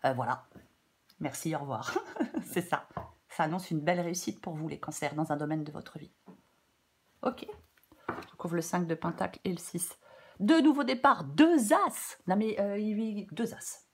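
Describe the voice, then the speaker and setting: Casting: female tarot reader, stuffy-nosed with a cold, informal and halting, breaking off into chatty asides. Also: fairly low pitch, animated. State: congested blocked nose from a cold. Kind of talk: casual off-the-cuff tarot guidance.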